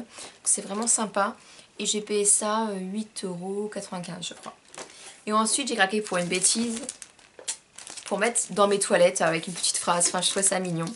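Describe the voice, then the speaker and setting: A woman's voice: mid-range voice, a bit bright, slight background noise. Bubbly young woman gushing over purchases. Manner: bubbly, gushing, many fillers. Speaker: vlogger. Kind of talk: shopping haul vlog.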